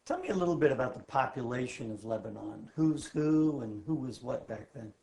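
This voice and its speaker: A man's voice: mid-range voice, expressive, brisk, creaky, darkish tone. A male interviewer asking short, prompting questions.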